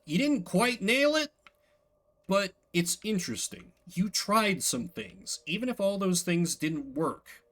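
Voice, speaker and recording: Streaming a game from an indoor desk, a man keeps up a casual, rambling chat full of strong opinions and jokes at his own expense. He speaks on the high side with a fairly bright tone.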